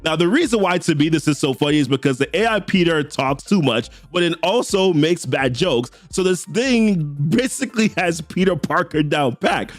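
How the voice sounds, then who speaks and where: This comic book channel host is a young Jamaican-accented man with a fairly high, lively voice, recapping a story in chatty slang and tossing off character lines as quick quotes. Soft music plays underneath, with no room sound.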